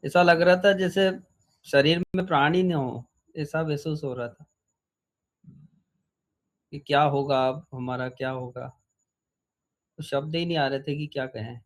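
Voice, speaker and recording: A man, a devotee, answering his teacher respectfully in a devotional gathering and searching haltingly for words. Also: fairly high pitch, fairly even intonation.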